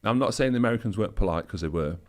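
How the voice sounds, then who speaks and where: Guest spot: a man with a very low voice, relaxed anecdotal talker. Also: very fast. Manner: easygoing anecdotal storytelling, loose with fillers. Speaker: bodybuilder guest. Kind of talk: casual interview chat.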